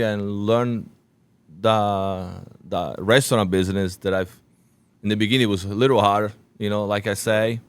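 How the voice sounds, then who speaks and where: A middle-aged Sicilian man with a smooth, resonant voice pitched on the low side. He speaks English as a second language, searching for words and restarting his phrases as he talks through an interview. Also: no room sound. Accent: Sicilian Italian. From Sicily, Italy. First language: Italian. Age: 40s. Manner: halting non-native English with frequent restarts. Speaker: restaurant owner, guest.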